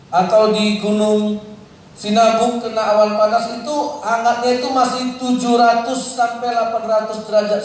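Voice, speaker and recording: High-voiced preacher in an echoey hall. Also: male voice. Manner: calls out questions to the congregation; wide swings between loud high preaching and low quiet asides. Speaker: pastor. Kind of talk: sermon. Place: church hall. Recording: echoey hall, mic at a distance.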